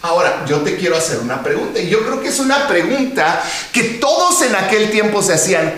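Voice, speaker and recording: A man preaching, his voice pitched high and swinging widely as he stretches key words. He speaks slowly, asking rhetorical questions. The sound rings around a very echoey church hall. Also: fairly bright tone. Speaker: pastor. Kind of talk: sermon.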